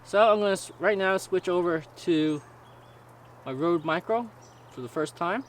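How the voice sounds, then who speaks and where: Higher-pitched man reviewing gear, noisy recording. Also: moderate pace. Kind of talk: casual product review. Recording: noisy raw camera-mic audio with ambience.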